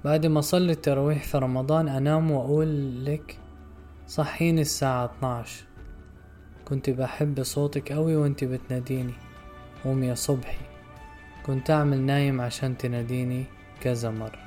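A man voicing a grieving middle-aged son who pleads softly, his words hushed and choked. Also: medium pitch, level tone, a little fast, pauses often, soft background music, lightly acted. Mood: tender pleading. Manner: soft, choked, pleading whisper.

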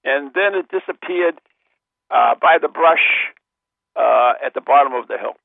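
A man's voice: mid-range voice, animated, measured pace, creaky, no echo. A man co-hosting a talk show over a phone line with a headset, his voice thin and tinny. He chats and tells stories in a rambling, joking way and often trails off mid-sentence. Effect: tinny sound through a phone-line headset mic. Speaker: co-host of a paranormal talk show. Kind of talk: casual radio chat and storytelling.

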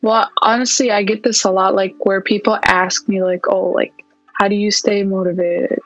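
A young woman from Palestine chats casually as a podcast guest and keeps filling her sentences with "like" and "yeah." Her pitch stays flat and level. The sound is a little dull and very dry, with soft music in the background. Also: normal speed, dry recording. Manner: relaxed, lots of "like" and "yeah". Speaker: podcast guest, fitness coach. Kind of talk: casual interview chat.

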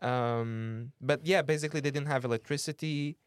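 A man's voice: mid-range voice, moderate pace, clean tone, dry recording, studio quality. A young man co-hosting a casual podcast chat, joking, teasing and swearing freely. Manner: jokey, teasing, swears freely, puts on silly voices. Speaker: podcast co-host.

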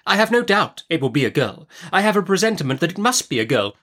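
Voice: medium pitch, very animated, quick pace, fairly bright tone, voice pushed up. A narrator voicing a brusque, imperious older great-aunt in an audiobook, emphatic and commanding. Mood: firm, insistent.

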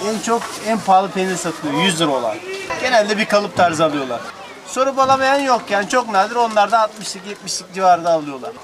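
A man's voice: sits high, expressive, brisk. A man selling at an outdoor market, answering an interviewer's questions. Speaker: market vendor. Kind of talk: street interview. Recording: noisy outdoor market ambience.

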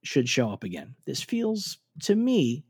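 A man's voice: medium pitch, wildly swooping pitch, measured pace, a little mellow, slightly rough. A man co-hosting a casual podcast, recapping a TV episode in a chatty way with frequent fillers and restarts. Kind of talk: casual chat.

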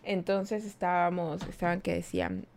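A young woman hosting a podcast, telling a personal story in a casual, animated way and acting out what people said. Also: lowish voice, moderate pace, vocal fry, a little hiss or hum. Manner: animated, chatty, acts out quoted dialogue. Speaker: podcast host.

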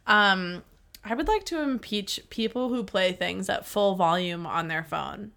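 A woman co-hosting a podcast in casual chat, giggly and quick to laugh. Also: medium pitch, expressive, gravelly, a bit bright. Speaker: podcast co-host.

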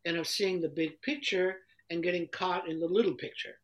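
Fields: Style: halting chat. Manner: restarts often, encouraging. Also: medium pitch, fairly even intonation, muffled recording. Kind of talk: casual chat, joke telling.

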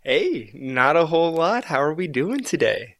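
A man's voice: a little high, normal speed, dry recording. A man in his forties, a native Arabic speaker who grew up mostly in the United States, answering interview questions in an easygoing way. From Gaza, Palestine; raised mostly in the United States. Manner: easygoing and relaxed, with some hesitant fillers. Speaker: guest, artist and photographer.

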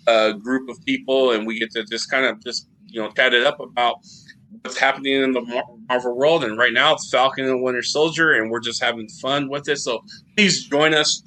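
A man's voice: mid-range voice, sharp tone, poor audio. A man appearing as a guest on a casual podcast, rambling and enthusiastic. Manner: rambling, enthusiastic, many restarts.

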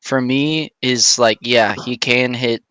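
A man's voice: medium pitch, fairly even intonation, takes it slowly, sharp tone, a little hiss or hum. A man co-hosting a casual podcast chat, reading game stats aloud and laughing often.

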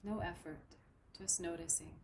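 A woman guiding a breathing meditation in a soft, soothing, unhurried way. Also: on the low side, steady tone, a little hiss or hum, poor audio. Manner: slow, soft, soothing instruction. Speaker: meditation guide. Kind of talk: guided meditation.

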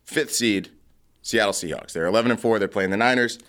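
Deep-voiced male podcast co-host, blunt and profane, argumentative, casual. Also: a little fast, a bit bright. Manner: chewing gum while talking. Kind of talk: casual sports chat.

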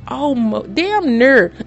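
A middle-aged woman vlogging to her viewers in a casual, storytelling way, excitable and given to dramatic repetition. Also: high-pitched, extremely slow, gravelly, dull audio, faint music behind.

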